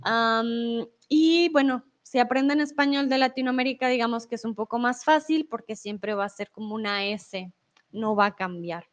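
A woman's voice: fairly high pitch, fairly even intonation, normal speed. Chatty Colombian woman teaching Spanish. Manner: chatty, explains with examples and asks "¿vale?". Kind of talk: casual live lesson, reading viewer comments.

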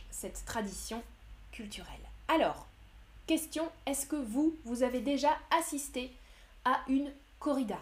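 Slow, clear French teacher woman. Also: on the high side, a little mellow. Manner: slow and clear, explains words with synonyms. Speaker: French teacher streaming a lesson. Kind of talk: live-streamed language lesson, reading chat.

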